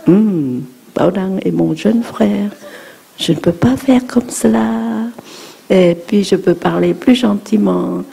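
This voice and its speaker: A woman interpreting a dharma talk for children in a gentle manner, guiding them through breathing exercises. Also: mid-range voice, slow pace, gravelly, husky.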